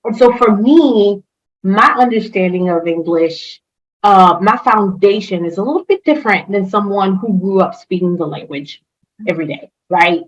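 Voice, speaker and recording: In a casual interview, a French-first-language HR consultant of Haitian background, who grew up speaking French and Creole, chats enthusiastically as the guest. She uses many fillers and restarts. Her expressive, medium-pitched voice moves at a moderate pace, and the recording is lo-fi.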